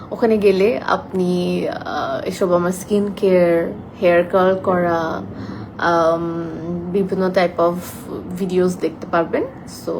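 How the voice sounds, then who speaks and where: A soft-spoken young woman chatting casually on a live stream, reading out viewer comments and mixing English into her talk. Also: medium pitch, noisy background.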